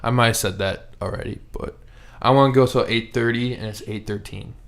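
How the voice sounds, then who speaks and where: A man's voice: medium pitch, steady tone, a little fast, gravelly, fairly bright tone. A young man from Minnesota hosting a casual home podcast, chatting in a laid-back, rambling way with plenty of fillers. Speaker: podcast host. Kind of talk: casual chat. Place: home, with dog beside him.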